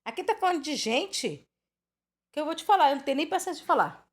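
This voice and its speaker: A young woman from Brazil teaches from the Bible in a loose, talkative way. She piles up rhetorical questions. Her voice sits a little high and leaps all over the place. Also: fast. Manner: animated, chatty, rambling with diminutives and rhetorical questions. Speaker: preacher.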